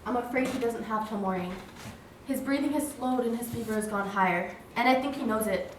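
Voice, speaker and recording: Lady acting a steadfast caring war nurse in a play, high voice, super echoey. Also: brisk, slight background noise, lightly acted. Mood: solemn, tender. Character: compassionate, devoted wartime nurse, calm and steadfast. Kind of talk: stage musical play dialogue. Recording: very echoey stage, distant mic, loud music.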